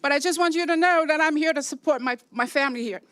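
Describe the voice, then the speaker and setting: A woman's voice: sits high, fast talker, fairly bright tone, no room sound. An older woman from San Francisco giving a rambling, chatty public comment at a city meeting, laughing between points.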